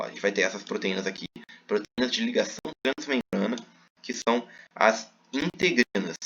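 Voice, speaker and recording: A man's voice: on the low side, fairly bright tone, lo-fi sound, slight background noise. A man teaching a recorded class, explaining step by step with many fillers.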